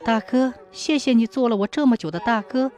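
A woman voicing a sorrowful young female river ghost, speaking haltingly and pleading through tears in a storybook tale. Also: on the high side, darkish tone, soft background music, pitched above the performer's own voice, lightly acted. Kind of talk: storybook narration.

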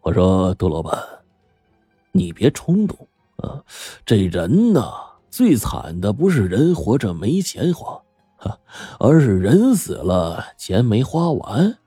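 A male storyteller voicing a sly, grinning middle-aged blackmailer who talks in a smug, mocking, drawn-out way. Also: on the low side, huge pitch swings, mellow, breathy edge, dry recording, soft background music, full character voice. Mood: mocking, cold.

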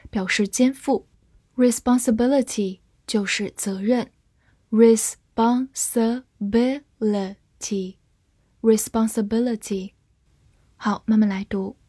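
A woman teaches English vocabulary in a scripted lesson. Her voice sits slightly high with a soft, breathy edge. She moves very slowly and spells out each word. The sound is dry and close. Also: no echo. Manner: slow, deliberate spelling and repetition of English words.

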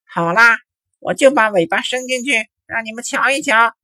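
A man voicing a sly big grey wolf who pinches his nose to fake a mother's high voice in a storybook reading. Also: moderate pace, sharp tone, no echo, full character voice. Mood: coaxing. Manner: high sing-song falsetto, yelping in pain. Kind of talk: children's story read aloud.

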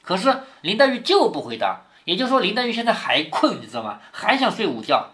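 A man's voice: high-pitched, huge pitch swings, fast, pushed and bright. A man reading a classic novel aloud to his daughter, stopping to explain passages and ask her questions. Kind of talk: storytelling with commentary.

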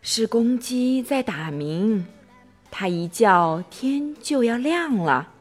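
A woman's voice: a little high, takes it slowly, soft background music, pitched above the performer's own voice. A woman voicing a patient, sleepy male barnyard friend who soothes the little ones to sleep. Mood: sleepy calm. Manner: calm, soothing, yawning.

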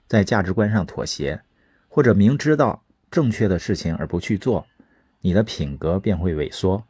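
A man delivers an earnest motivational monologue in a low, slightly breathy, warm voice, drawing listeners in with rhetorical questions. His pitch swings widely, and the recording is close and dry with no echo.

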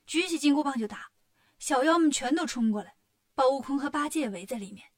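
A woman narrating a children's story in a lively, colloquial way. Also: high voice, a little fast.

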